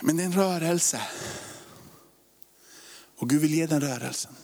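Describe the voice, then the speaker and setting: A man in his forties, a pastor preaching a sermon, rising to loud emphasis and dropping to hushed whispers. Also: fairly high pitch, creaky. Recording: long hall reverb.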